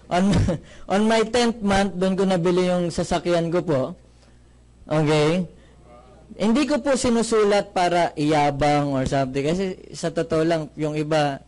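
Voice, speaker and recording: Filipino guy telling his story to a crowd, higher voice, jokey and lively, keeps asking questions. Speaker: motivational speaker giving a testimony. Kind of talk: testimonial talk to a live audience.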